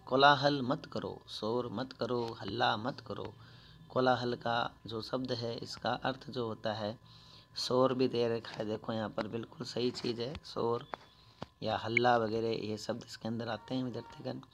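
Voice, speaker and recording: A male teacher giving a patient school lesson, explaining each word one at a time and reading the verses slowly and more loudly. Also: mid-range voice, fairly even intonation, gravelly, a little hiss or hum. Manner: reads verses slowly and louder.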